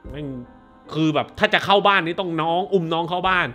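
A man's voice: high voice, quick pace, pushed and bright, soft background music. A man hosting a movie review show, ranting casually in a crude, profane, sarcastic way.

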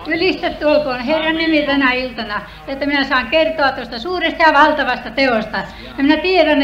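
A woman giving a personal healing testimony at a church meeting, earnest and measured. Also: high voice, fairly bright tone. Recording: echoey hall, dull old tape.

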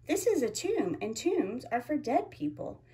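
A gentle, reassuring male angel from a children's storybook, read aloud by a woman. The voice sits a little high and explains things slowly and kindly. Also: very animated.

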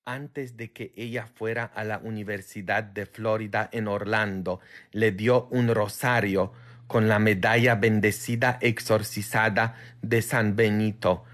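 A man from Poland with a Polish accent, a priest chatting casually with viewers on a livestream in a tired, low-key way. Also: fairly even intonation, measured pace, a bit bright.

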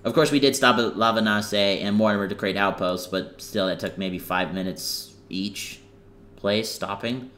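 A man's voice: on the low side, normal speed, fairly bright tone, slight background noise. A young man giving casual, rambling commentary over a game he is playing, full of fillers and self-corrections. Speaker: gaming channel host.

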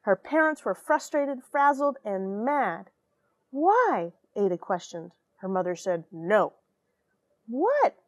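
Reading a children's storybook in a cramped, equipment-filled airlock on a space station, this American astronaut in her forties speaks with a medium pitch and lively intonation. She goes a little slowly with few pauses on a dry recording, adding dramatic emphasis and warm asides for kids.

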